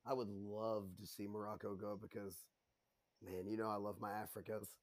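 A man with a fairly low voice chats about soccer in a joking, easygoing way. He tends to say his point twice. It is a relaxed talk among co-hosts. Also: normal speed. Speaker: podcast co-host. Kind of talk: casual sports chat.

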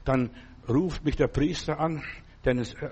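Male pastor, fairly high-pitched, fervent, direct sermon delivery with loose storytelling. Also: a little slow, a little mellow, breathy edge. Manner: fervent, direct preaching to a single listener.

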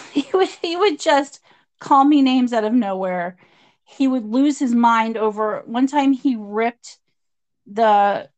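Middle-aged woman, high-ish voice, animated storytelling guest. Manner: animated storyteller, acts out quotes. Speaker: guest describing past abuse. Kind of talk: conversational interview.

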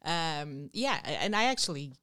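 A woman's voice: deep voice, animated, normal speed, bright, forceful tone, clear, resonant tone, dry recording, clean studio sound. A woman in a casual chat, talking loosely and filling her sentences with "you know". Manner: chatty, full of "you know" fillers.

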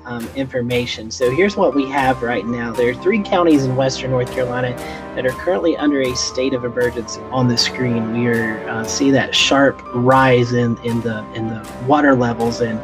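A man reporting on weather as a show host and storm chaser, in a casual, halting way. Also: mid-range voice.

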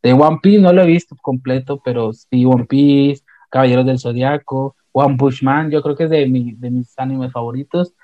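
A young man with a Mexican accent, casually retelling an anime plot in a slangy, animated way with many restarts. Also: mid-range voice, normal speed, hardly any pauses, no room sound. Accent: Mexican Spanish. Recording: dull, slightly lo-fi dry sound.

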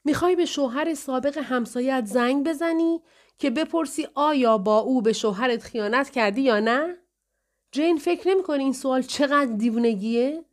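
A woman's voice: sits high, pitched above the performer's own voice, lightly acted. A woman reading the part of a firm, controlling woman caretaker who scolds and lectures in an audiobook. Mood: incredulous.

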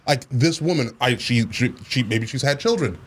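A man's voice: medium pitch, normal speed, slightly rough. A man co-hosting a casual podcast chat, joking and laughing often as he poses a question to his friends. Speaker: podcast co-host.

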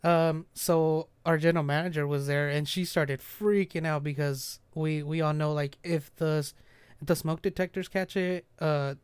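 A young man co-hosting a podcast, telling stories in an animated, laughing way. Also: fairly high pitch, moderate pace, clean tone, dry recording. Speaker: podcast co-host. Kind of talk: casual storytelling.

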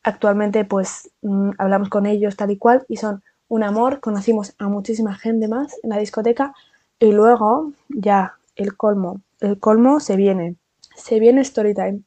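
A young woman from Spain with a Spanish accent, telling a casual storytime vlog in a chatty, animated way full of fillers and asides. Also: medium pitch, measured pace, no echo.

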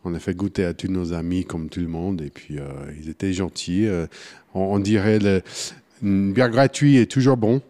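Low, mellow man, halting French. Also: fairly even intonation. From United States (Kansas). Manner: halting, many restarts and fillers, trailing off quietly. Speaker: brewer, guest. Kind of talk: casual interview.

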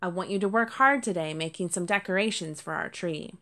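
A woman voicing a gentle, weary father fox who carries the mail, in a storybook reading, speaking softly to his children. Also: fairly low pitch, brisk.

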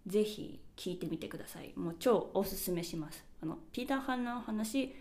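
A woman's voice: medium pitch, animated, fairly quick, darkish tone. A woman hosting her own podcast, chatting casually and reflectively as she walks through examples one by one. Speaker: podcast host. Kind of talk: casual solo podcast talk. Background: birds chirping.

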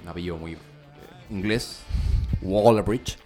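A man's voice: mid-range voice, moderate pace, darkish tone, soft background music. A man with a Chilean Spanish accent, a podcast co-host chatting casually and rambling through recommendations. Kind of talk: casual chat.

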